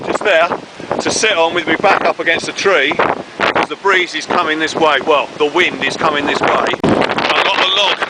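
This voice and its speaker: A man with a steady, higher-side voice at normal speed vlogs while trekking a wet, windy, rainy trail that later leads into woods. He chats casually and rambles with many fillers, while loud wind buffets the mic throughout.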